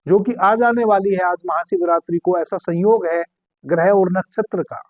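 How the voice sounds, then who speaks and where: A man calmly giving guided meditation instructions as a spiritual teacher, repeating key phrases slowly. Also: sits high, no echo. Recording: tinny phone-like sound.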